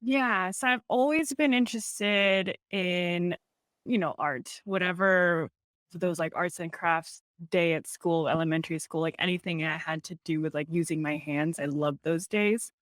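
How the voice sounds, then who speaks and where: A young woman chatting as a podcast guest, relaxed and laughing often between loose, filler-heavy sentences. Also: lowish voice, unhurried, no echo. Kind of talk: casual conversational interview.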